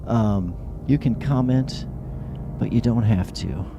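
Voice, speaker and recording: A man hosts a casual late-night live-streamed call-in show, rambling conversationally with whistling s sounds into a close handheld or stand microphone. His lowish, creaky voice takes it slowly over background noise and music behind him.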